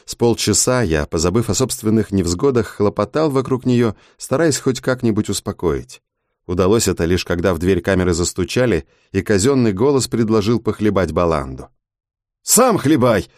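A man reading a first-person story aloud as an audiobook narrator, in an expressive storytelling manner. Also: lowish voice, no echo, studio quality.

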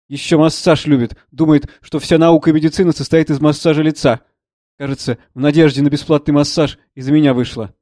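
A man voicing a gruff, sardonic older doctor who holds a general's rank, mocking and blustering, in an audiobook reading of a play. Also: a little high, no room sound, clean studio sound, natural voice. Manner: blustering, mocking, shouts out bursts.

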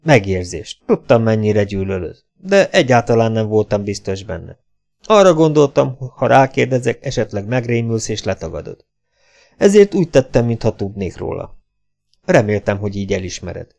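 A man voicing a calm, shrewd male agent in an audiobook, level and matter-of-fact. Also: on the low side, creaky. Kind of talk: audiobook character voice.

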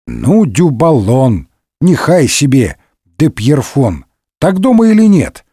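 A man's voice: medium pitch, wildly swooping pitch, slow pace, breathy edge, no room sound, clean studio sound, heavily acted. A man voicing a hot-tempered, sarcastic middle-aged swordsman in a comic audiobook, barking insults and mocking his friend. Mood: irritated, scolding. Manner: brusque, mocking, shouting insults.

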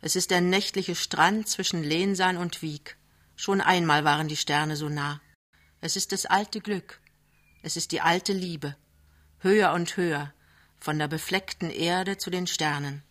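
Hushed, measured woman reading aloud. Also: fairly low pitch, fairly even intonation. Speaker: audiobook reader. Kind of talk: literary reading. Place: live reading soirée.

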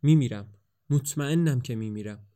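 A man's voice: mid-range voice, dark tone, no room sound, studio quality, natural voice. A man voicing a frightened young man turned passionate. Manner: urgent, pleading, rising to passionate. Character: anxious young man, scared then bold.

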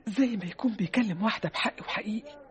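A woman playing a curious soft-hearted passerby. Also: mid-range voice, quick pace, natural voice. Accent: Egyptian Arabic. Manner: curious, wondering. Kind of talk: 1960s Egyptian radio drama acting.

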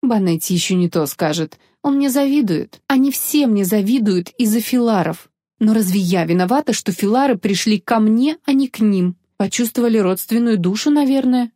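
A woman reading an audiobook voices a drunk, jealous, haughty sorceress with shrill, mocking speech. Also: expressive, normal speed, dark tone, dry recording, studio quality, lightly acted. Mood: scornful. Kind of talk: audiobook character voice.

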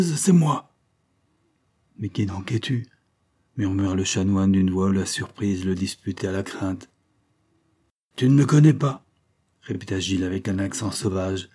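A man narrating a historical tale as an audiobook, in a measured, dramatic reading. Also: deep voice, mellow, breathy edge.

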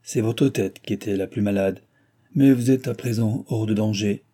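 A man's voice: lowish voice, normal speed, warm tone, natural voice. A man voicing a tall, bony American doctor who speaks French with a guttural foreign accent, placid but firm and grumbling. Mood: placid, reassuring.

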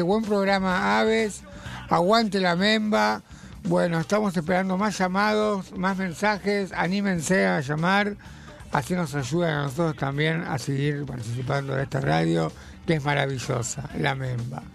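A man's voice: high voice, a little slow, gravelly, faint music behind. A man with an Argentine accent, co-hosting a casual community radio show and telling jokes with sound effects and voices. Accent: Argentine Spanish.

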